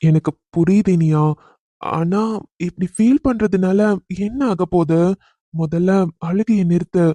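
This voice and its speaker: A man voicing a caring young man in a cartoon who teases his cousin but comforts her gently. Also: high voice, measured pace, dry recording. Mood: consoling. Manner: teasing yet protective, talks gently to calm her. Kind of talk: cartoon voice acting.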